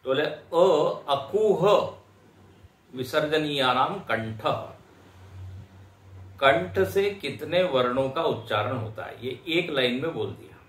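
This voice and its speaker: A man teaching a lecture class, explaining slowly and patiently and sounding out syllables one by one. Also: medium pitch, lively intonation, fairly bright tone. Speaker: Vedanta teacher. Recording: echoey lecture hall.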